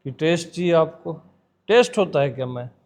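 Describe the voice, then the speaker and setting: A man's voice: on the high side, animated, brisk, a little mellow. A man giving an informal spiritual talk to listeners, conversational, repeating words and putting questions to his audience. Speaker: spiritual teacher. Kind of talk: informal satsang discourse.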